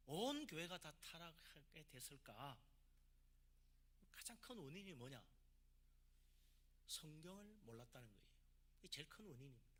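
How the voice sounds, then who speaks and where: A man's voice: high voice, sharp tone. A man, a pastor from South Korea, preaching a sermon with emphatic delivery and rhetorical questions.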